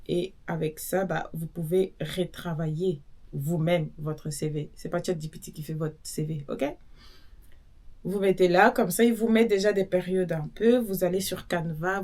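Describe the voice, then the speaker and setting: Young woman, social worker type, chatty vlog advice, lively asides to the viewer. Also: lowish voice, vocal fry. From Belgium.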